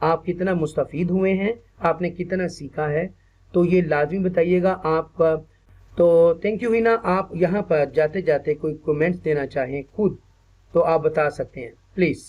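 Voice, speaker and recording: A man with a Pakistani accent teaches a class of teachers online. His voice sits fairly high. He repeats key words slowly and keeps checking in with his listeners. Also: muffled recording. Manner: mixes English phrases into speech, asks "ठीक है ना" often. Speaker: teacher trainer. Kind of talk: online teacher-training lecture.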